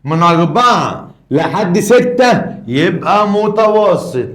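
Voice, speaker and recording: A man's voice: high-pitched, expressive, takes it slowly. A male teacher with an Egyptian Arabic accent, explaining a lesson step by step with playful mock scolding. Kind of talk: comic classroom lesson. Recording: echoey room.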